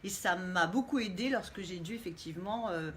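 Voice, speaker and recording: A middle-aged woman from Montréal, Canada, of Italian heritage, appears as a guest coach on a casual live stream, talking expressively and playfully and laughing easily. Her voice is lowish and a little fast, with faint background noise.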